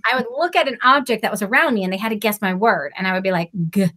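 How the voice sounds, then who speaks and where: A middle-aged woman who tutors reading hosts a relaxed live-stream chat over a video call. Her voice sits in the mid range, and she's animated, laughs easily, and fills her talk with lots of fillers.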